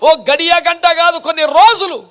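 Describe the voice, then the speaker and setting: Male pastor, very high voice, fervent sermon delivery with rapid-fire rhetorical questions. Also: a bit bright. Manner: impassioned, rhetorical preaching with repeated questions.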